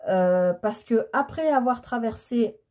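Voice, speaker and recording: A woman giving a tarot reading in a casual, hesitant way, stammering and filling pauses as she talks. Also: on the high side, a little mellow. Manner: hesitant, stammering, many fillers. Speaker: tarot card reader.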